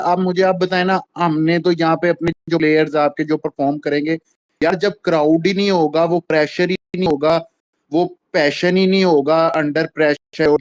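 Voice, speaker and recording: A man's voice: a little high, dry recording. A man in a casual audio chat, complaining in a disappointed way about how the league is run. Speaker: caller in a cricket audio chat. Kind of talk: casual rant.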